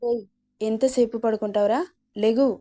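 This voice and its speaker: A woman's voice: on the high side, steady tone, normal speed, mellow, natural voice. A woman voicing a scolding but affectionate young wife in a storybook reading, exasperated and pleading.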